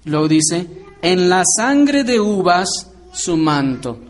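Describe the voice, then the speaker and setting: A man delivers a sermon-style Bible lesson to a congregation, patiently explaining and asking rhetorical questions. His voice sits high, moves slowly and swings widely in pitch.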